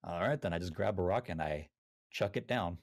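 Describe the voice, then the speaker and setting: A man with a very low voice plays in a tabletop role-playing game. He talks casually and makes wry jokes about his own bad luck. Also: lively intonation, brisk. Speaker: player.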